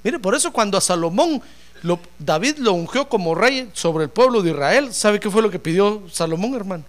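A man preaching a sermon in an animated, joking way, acting out voices as he tells the story. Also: high voice, moderate pace.

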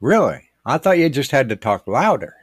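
A man's voice: medium pitch, big pitch swings, moderate pace, breathy edge, dry recording, clean studio sound. A man playing a plainspoken old farmer co-hosting a comedy show, blunt and folksy. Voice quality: blunt folksy rural talk. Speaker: co-host. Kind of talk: comedic character banter.

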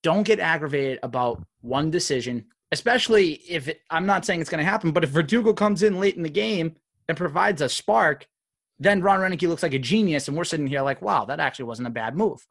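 A man's voice: a little high, expressive, a little fast, creaky, fairly bright tone. A man in his late thirties co-hosting a podcast, talking emphatically in casual chat. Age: 30s. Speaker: podcast co-host.

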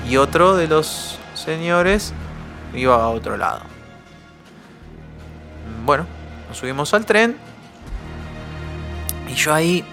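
A young Argentine man with a Rioplatense accent tells a personal anecdote as a podcast guest. He sounds animated and bright, and his pitch swings widely as he acts out the voices of other people. Faint music plays underneath. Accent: Argentine Rioplatense Spanish. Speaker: guest storyteller.

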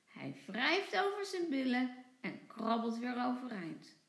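A woman teacher reading a children's storybook aloud in an expressive, sing-song way. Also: a little high, slow, gravelly, echoey room.

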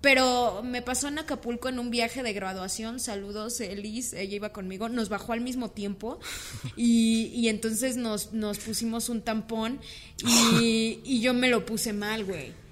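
A woman's voice: a little high, fairly even intonation, unhurried, slight background noise. A young woman with a Mexican accent in her twenties, co-hosting and telling stories in rambling, slangy casual chat. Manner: rambling, slangy, peppered with "güey". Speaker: co-host.

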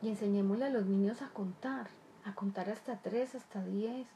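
A woman's voice: medium pitch, moderate pace, warm tone, a little hiss or hum. A woman talking earnestly to parents about raising children, repeating phrases and asking rhetorical questions. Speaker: child development speaker. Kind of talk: explanatory talk to parents.

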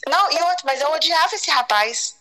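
A woman's voice: high-pitched, animated, fairly quick, sharp tone, poor audio. A woman, telling a personal story as an interview guest, repeating phrases and acting out other people's words. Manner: repeats phrases, acts out quoted dialogue. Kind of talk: emotional personal confession.

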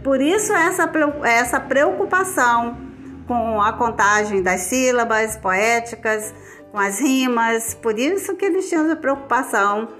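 A Brazilian woman teacher with a Brazilian Portuguese accent and a fairly high voice, talking her students through a lesson in a relaxed, chatty way. She keeps checking in with little tag questions as she goes, with faint music playing behind her. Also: measured pace. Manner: chatty, explains step by step with many "tá bom?" and "né?". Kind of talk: casual recorded lesson for students.

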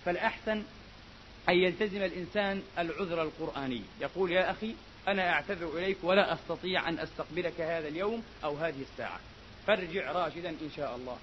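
A man delivers a mosque sermon at a brisk clip, pitched high for a man. He is emphatic and repeats his key phrases. The recording is dull and lo-fi, with a faint hiss behind it. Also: fairly bright tone. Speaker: preacher. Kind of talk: Friday sermon.

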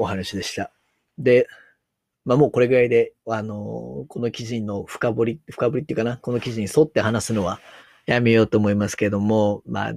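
A man's voice: on the low side, darkish tone, no room sound, clean studio sound. A man with a Kansai accent giving casual commentary on a news article, musing aloud and reading passages out as he goes. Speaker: solo commentator.

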